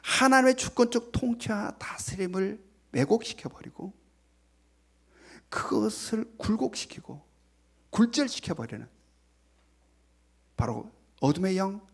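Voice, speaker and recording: A man preaching a Sunday sermon as pastor, retelling a parable dramatically and dropping to hushed near-whispers for emphasis. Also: high-pitched, sing-song, unhurried, creaky, long pauses, breathy edge. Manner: retells a parable with voiced quotes. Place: church sanctuary.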